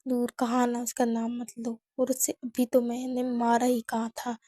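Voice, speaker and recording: A possessive, hot-tempered young lover, voiced by a woman narrator lurches between tender pleading and cold threats. Her voice stays mellow and fairly even, recorded dry and close. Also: a little high, unhurried, no room sound. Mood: menacing. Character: possessive, volatile young man in love. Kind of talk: audiobook character reading.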